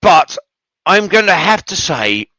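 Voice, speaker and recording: Man, casual film commentary, enthusiastic, profane, slightly high voice, bright tone. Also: big pitch swings, takes it slowly, no room sound, rough recording. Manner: enthusiastic, swears freely, rambling asides. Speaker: podcast host.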